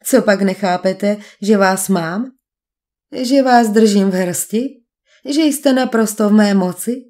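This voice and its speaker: A woman's voice: medium pitch, darkish tone, close to an everyday voice. A woman voicing a suave male villain posing as a duke, speaking with polite, mocking menace in an audiobook. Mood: gloating. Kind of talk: audiobook character voice.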